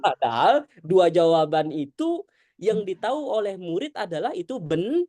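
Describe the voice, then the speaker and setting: Over a video call, a woman with a lower voice teaches Quran recitation in an animated online lesson, often asking whether students understand and reciting Arabic slowly. There is no echo.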